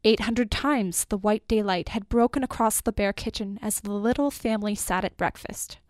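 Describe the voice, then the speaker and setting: A woman narrating a story aloud in a measured, expressive way, lingering over long lists. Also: medium pitch, dry recording, studio quality. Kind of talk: storybook reading.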